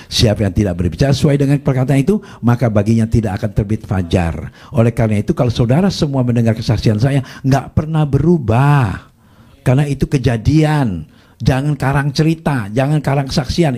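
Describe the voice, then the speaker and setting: A man's voice: mid-range voice, husky. A man preaching a sermon in a church, telling a testimony story and prompting the crowd. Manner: lively storytelling with quoted voices and crowd prompts. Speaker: pastor.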